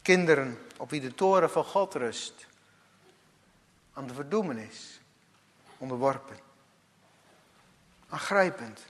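A man preaching a sermon, emphatic and repetitive, swinging between loud calls and quiet asides. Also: medium pitch, expressive, takes it slowly, pauses often. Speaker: pastor. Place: church. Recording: church hall reverb.

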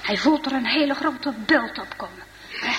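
Lively woman telling a children's story. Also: on the high side, moderate pace, big-room sound, slight background noise, poor audio. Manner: lively, addressing listeners with asides.

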